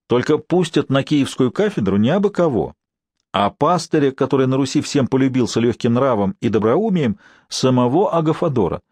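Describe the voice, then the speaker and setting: A man's voice: sing-song, fairly quick, a little mellow, dry recording, studio quality. A man narrating a historical novel as an audiobook, reading evenly and lifting his voice for the characters' outbursts. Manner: reads evenly, raises pitch and volume for characters' outbursts.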